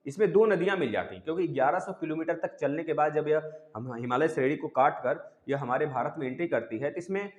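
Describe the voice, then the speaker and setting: A man's voice: on the high side, a little fast, a little mellow, muffled recording. Man teaching in an echoey room. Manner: repeats key terms and quizzes students. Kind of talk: exam-prep geography lecture. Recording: echoey room with long reverb.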